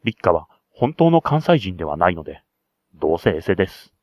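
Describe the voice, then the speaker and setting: A man's voice: low voice, sing-song, brisk, no echo, muffled recording. A man acting as game master, narrating a tabletop role-play scenario with chatty, enthusiastic side remarks.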